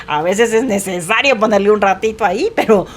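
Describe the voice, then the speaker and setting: A woman's voice: medium pitch, fairly quick, slight background noise. A woman, a guest counselor giving advice in conversation, explaining patiently and often checking in with her listener. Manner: earnest, explains patiently, often asks "verdad?".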